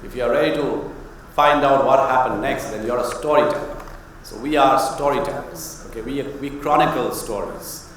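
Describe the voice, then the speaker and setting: A man's voice: medium pitch, normal speed, a bit bright, distant mic. Man moderating in an echoey hall. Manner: conversational and rhetorical, asks the audience questions. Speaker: faculty moderator. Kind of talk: hosting an open-house Q&A. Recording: echoey hall, off-mic, faint noise.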